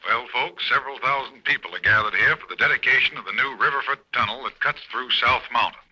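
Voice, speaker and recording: In a 1940s radio drama, a man plays an excited radio announcer reporting from a helicopter, delivering his lines briskly. His voice is medium-pitched with a breathy edge, and the audio quality is poor.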